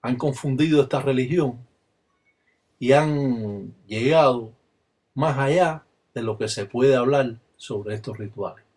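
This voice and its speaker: Husky older Cuban man preaching solemnly. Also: medium pitch, slow, a little mellow. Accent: Cuban Spanish. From Cuba. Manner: solemn, insistent, bursts into rhythmic chanted call-and-response phrases. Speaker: religious elder and teacher. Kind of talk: spoken religious teaching with ritual chanting.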